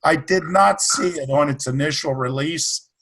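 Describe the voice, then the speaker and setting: A man's voice: on the high side, normal speed, gravelly, fairly bright tone. A man talking casually about an old comedy film, rambling and correcting himself as he goes. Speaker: podcast co-host.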